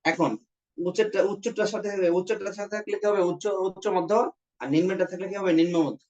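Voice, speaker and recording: Speaking fast in a high, steady, slightly mellow voice, a male teacher with a Bangladeshi Bengali accent runs an exam-prep grammar lesson. He's repetitive and coaxing, demonstrating vowel sounds aloud for his students. The audio is dull lo-fi.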